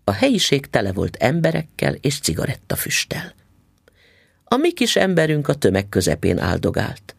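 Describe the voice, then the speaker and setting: Husky, lively male audiobook narrator. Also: medium pitch, no echo, clean studio sound.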